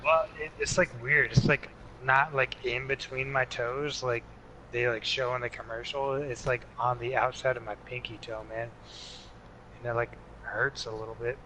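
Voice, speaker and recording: A man in his late twenties rambles casually on a podcast, with "like" in every sentence. His voice is bright and tense, and faint noise sits behind it. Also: mid-range voice, flat delivery, moderate pace, rough recording. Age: 20s. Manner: rambling, fills with "like". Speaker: podcast co-host. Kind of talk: casual chat.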